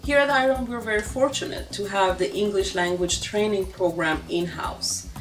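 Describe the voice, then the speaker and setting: A woman's voice: mid-range voice, moderate pace, far from the mic, rough recording. A middle-aged woman in an office interview, speaking earnestly with frequent "you know" and "um". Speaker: refugee agency staff member. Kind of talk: documentary interview. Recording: music under the voice.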